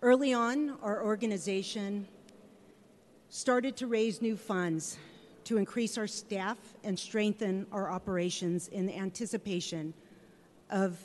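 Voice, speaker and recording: A woman giving a prepared formal speech as a guest executive, measured and delivered phrase by phrase. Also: medium pitch, darkish tone, a little hiss or hum. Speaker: nonprofit chief executive, guest speaker. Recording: long hall reverb.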